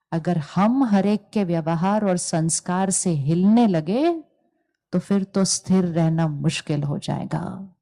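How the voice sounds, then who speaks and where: Woman, spiritual teacher, calm explaining talk, mellow warm tone. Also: fairly low pitch. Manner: calm, explaining, with stories and quoted dialogue.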